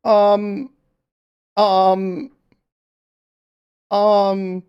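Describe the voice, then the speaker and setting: A man's voice: high voice, monotone, drawn-out words, clean tone, highs cut off. A man streaming a casual reaction to music, exclamatory, often stammering and repeating himself as he talks. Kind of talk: casual excited reaction chat.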